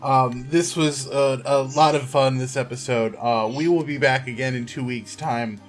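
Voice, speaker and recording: A man narrating as game master in a tabletop game podcast, relaxed and full of ums. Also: medium pitch, normal speed, soft background music.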